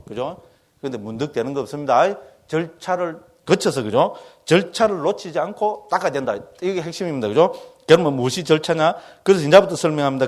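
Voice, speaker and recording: A Korean Buddhist monk giving a dharma lecture, folksy and joking, constantly checking in with his listeners. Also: a little high.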